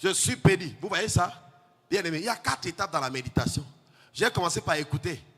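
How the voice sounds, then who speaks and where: A male pastor, preaching a sermon in a chanting, sing-song way that builds to shouts. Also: sits high, animated, brisk, breathy edge. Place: church hall. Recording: long hall reverb, faint music.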